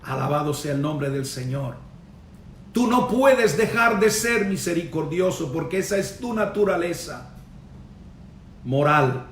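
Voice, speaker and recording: A man preaching a sermon in a high voice, pressing each point with fervent amens and hallelujahs. His voice rings out in a roomy, echoing church space. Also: expressive, a little slow, far from the mic, a little hiss or hum. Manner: emphatic preaching, punctuated with amen and hallelujah. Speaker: pastor.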